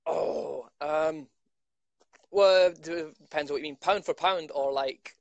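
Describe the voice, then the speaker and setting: A man's voice: fairly high pitch, takes it slowly, gravelly, no room sound, muffled recording. Chatty young man on a call. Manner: chatty, self-mocking, many restarts. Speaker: MMA fighter. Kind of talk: casual video-call interview. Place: living room at home. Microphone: video call.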